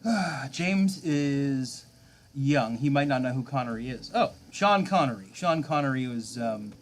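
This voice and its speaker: Man, 30s, game streamer, casual banter with chat, easy chuckles, mid pitch, faint background hum. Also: a little slow. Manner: relaxed, chuckling, reading and answering chat.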